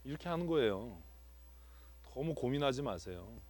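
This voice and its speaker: A man's voice: mid-range voice, animated, normal speed, a little mellow. A man, a pastor, teaching a Bible text to his congregation and asking its members what they feel about it. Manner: asks the congregation questions and repeats answers. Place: church sanctuary.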